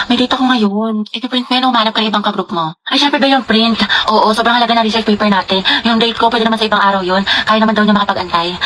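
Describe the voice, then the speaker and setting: Woman doing a chatty filipino student girl, kinda high voice, slangy skit banter w classmates. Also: fairly bright tone, close to an everyday voice, low-quality recording. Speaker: skit performer. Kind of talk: casual comedy skit dialogue in student slang.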